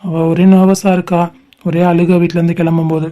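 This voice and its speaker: A woman speaking in a brisk, matter-of-fact way in an amateur audio drama. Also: fairly low pitch, flat delivery, warm tone. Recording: dull lo-fi recording.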